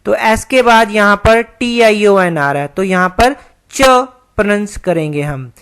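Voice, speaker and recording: A woman's voice: medium pitch, a little slow, smooth. A woman teaching an online English lesson, explaining carefully and spelling words out letter by letter.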